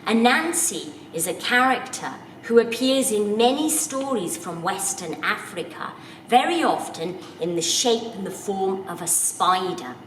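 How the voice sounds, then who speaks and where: A woman telling a folk tale to children in an unhurried, expressive way, speaking directly to her listeners. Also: medium pitch, far from the mic, slight background noise. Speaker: storyteller. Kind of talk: storytelling for children. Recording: roomy echo, voice from off the mic, faint background.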